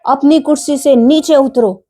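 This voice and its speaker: A woman voicing a naughty, hot-tempered little male rat in a storybook tale, bossy and boastful, with slow sing-song threats. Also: high voice, dark tone, voice pushed up. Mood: cheeky, bossy.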